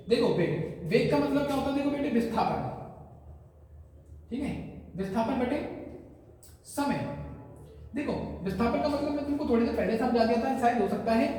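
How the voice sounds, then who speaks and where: A man's voice: very high voice, a little mellow. A man teaching a physics lesson, explaining step by step and asking his students questions as he goes. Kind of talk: classroom lecture. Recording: echoey room, far from the mic, faint noise.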